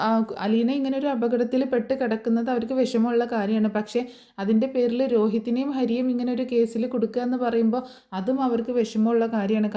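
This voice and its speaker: A woman's voice: a little high, mellow. A woman casually retelling a TV serial episode as a voice-over, chatty and full of fillers. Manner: chatty, frequent fillers and tag words. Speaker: serial review narrator. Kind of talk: casual storytelling recap.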